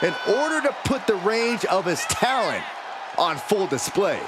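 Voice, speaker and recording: A man playing an earnest, excitable wrestling commentator in a video game. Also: high-pitched, measured pace. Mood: earnest, excited. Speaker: play-by-play commentator. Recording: loud crowd noise throughout. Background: noisy arena crowd.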